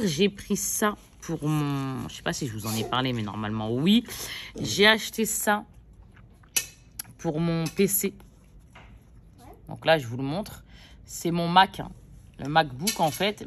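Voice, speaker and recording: A woman's voice: deep voice, sing-song, unhurried, pauses often. A woman, a mother of several children, chatting casually to her viewers as she shows off her shopping, rambling with lots of fillers and self-corrections. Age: adult mother. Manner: addresses viewers directly. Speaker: vlogger. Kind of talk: casual shopping haul chat.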